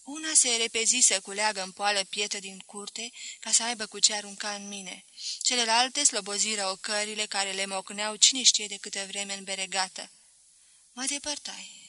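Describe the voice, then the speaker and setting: A woman narrating a novel as an audiobook reader, in a measured, expressive way. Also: mid-range voice, no room sound, poor audio. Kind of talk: scripted narration.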